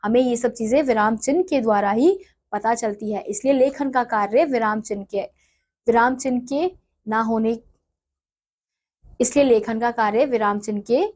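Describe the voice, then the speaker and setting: Higher-voiced woman teaching a lesson. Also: normal speed, darkish tone. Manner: reads textbook text, then explains it in her own words; self-correcting, repeats phrases. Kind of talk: explaining a textbook lesson.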